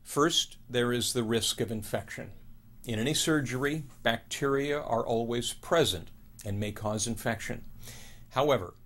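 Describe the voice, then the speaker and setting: A man in his fifties acts as a middle-aged oral surgeon in an educational video, lightly performing the role. He delivers scripted narration in a calm, formal, measured way at an average male pitch.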